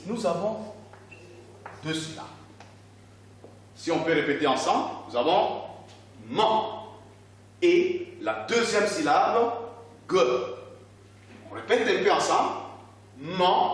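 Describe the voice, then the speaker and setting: Slow-spoken teacher in an echoey room. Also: male voice, a little high, fairly bright tone, far from the mic, slight background noise. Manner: slow, deliberate, stretching out syllables and repeating words. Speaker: primary school teacher. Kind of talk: classroom reading lesson. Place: classroom.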